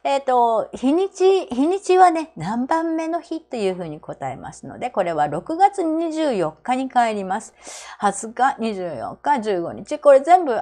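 A woman with a Japanese accent teaching English travel phrases to seniors, modelling each phrase very slowly. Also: on the high side, mellow.

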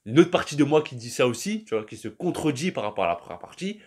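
A man's voice: mid-range voice, very animated, fast talker, darkish tone, husky. A young man, talking casually and at length to his viewers in a loose, slangy monologue that often trails off. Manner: slangy, rambling, addresses the listener as "tu". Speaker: vlogger.

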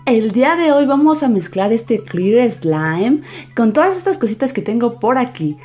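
Woman giving a bright sing-song welcome. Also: on the high side, very animated, normal speed, soft background music. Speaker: host of a children's slime and makeup channel.

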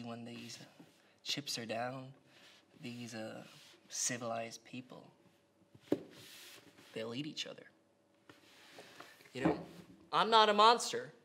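A man in his twenties playing an unhinged, taunting criminal clown in a theatrical, drawn-out film monologue. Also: mid-range voice, sharp tone, slight background noise. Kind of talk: film drama monologue acting.

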